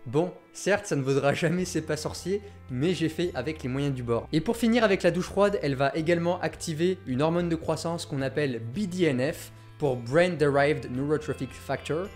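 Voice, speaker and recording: A man's voice: fairly high pitch, fairly quick, hardly any pauses, soft background music. A man hosting a health video, talking directly and enthusiastically to his viewers. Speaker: health YouTuber. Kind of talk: energetic video monologue.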